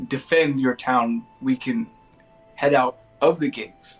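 A man's voice: medium pitch, slow pace, slightly rough, faint music behind, low-quality recording. A man playing a tabletop game who stumbles over his words and speaks of his character in the third person. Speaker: player.

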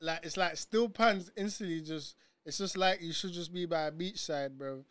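A man's voice: on the high side, normal speed, fairly bright tone, no echo. A young man with a London accent in casual, slangy banter with friends.

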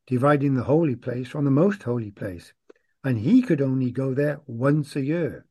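A man's voice: mid-range voice, dark tone, breathy edge. A man co-hosting a conversational Bible discussion, guiding the talk and leading into the readings. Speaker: Bible study co-host.

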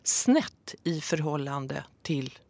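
A woman calmly explaining breastfeeding advice in a casual podcast talk, with some fillers. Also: sits low, no echo.

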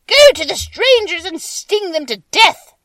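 A woman's voice: very high voice, very animated, measured pace, fairly bright tone, no room sound, recorded from a distance, pitched above the performer's own voice, exaggerated voice. A woman voicing a wicked, fierce witch from a storybook, giving menacing, commanding orders.

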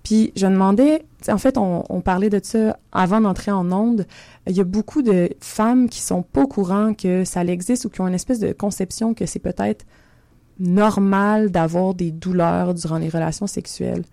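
Gravelly-voiced Québécoise podcast host. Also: female voice, mid-range voice, moderate pace, warm tone, dry recording. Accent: Québécois French. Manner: casual, earnest questioning. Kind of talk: conversational interview.

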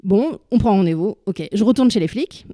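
Woman, casual storyteller, slangy and halting, mellow dry voice. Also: medium pitch, animated, dry recording. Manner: chatty, halting, full of fillers and slang. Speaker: storyteller guest. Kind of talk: casual personal anecdote.

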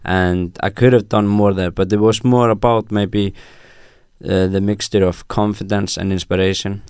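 Man, from Iceland, Icelandic first language, young adult, halting with fillers, low voice, dry close sound. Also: little pitch movement, a little mellow, clear, resonant tone, no echo. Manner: hesitant, many fillers and restarts. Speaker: musician guest. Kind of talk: casual interview.

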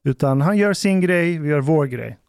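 A man recounts a story to his co-hosts in loose podcast chat. His voice is smooth and sits fairly high, and he keeps slipping into the voices of the people he quotes. The sound is dry and close. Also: dry recording. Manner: animated storyteller acting out quotes. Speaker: podcast host.

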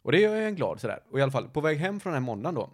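A man's voice: fairly high pitch, very animated. A man in casual podcast chat, telling a story at length, rambling and often correcting himself mid-sentence. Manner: rambling, self-correcting, lots of fillers. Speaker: podcast host.

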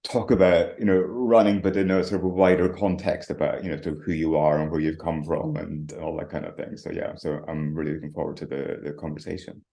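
A middle-aged man from the Highlands of Scotland with a Highland accent, chatting informally and loosely as an interview guest. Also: flat delivery, brisk, hardly any pauses, warm tone. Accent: Scottish Highland. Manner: informal, hedging, conversational. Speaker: interview guest, retired professor. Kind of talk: casual interview talk. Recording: roomy, echoey sound.

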